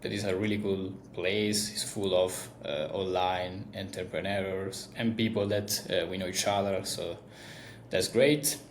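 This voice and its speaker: A man with a strong Italian accent talks in a low, easygoing voice, with plenty of fillers as he chats through an interview. His voice comes from an echoey room, with a faint hum of background noise. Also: unhurried. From Italy. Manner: relaxed, chatty, with frequent fillers. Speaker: guest, agency founder. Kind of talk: casual interview conversation.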